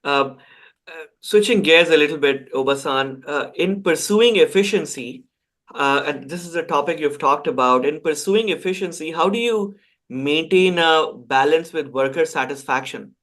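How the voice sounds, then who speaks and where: A man's voice: a little high, moderate pace, a bit bright. Eager, stumbling podcast host, a man. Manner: eager, stumbling, repeats words. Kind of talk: podcast interview.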